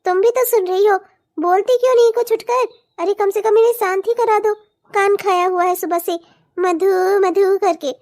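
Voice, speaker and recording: A woman's voice: very high voice, fairly even intonation, normal speed, a little mellow. A woman voicing a young woman of the house who whines and tattles. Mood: whiny. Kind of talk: cartoon voice acting.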